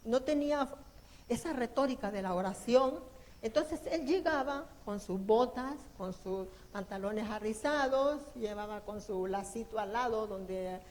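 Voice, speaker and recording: A woman's voice: on the high side, a little slow, darkish tone. A woman preaching an evangelical sermon in a church, fervent and pleading, who sings hymn lines and acts out quotes.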